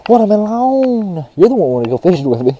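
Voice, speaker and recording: Excitable young man fishing outdoors. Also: high voice, fast talker, muffled recording. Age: young adult. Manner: excitable, shouts with joy over big catches. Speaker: fishing vlogger. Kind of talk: casual vlog narration while fishing. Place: outdoors by a rural pond. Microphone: chest-mounted action camera. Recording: faint outdoor noise, action camera.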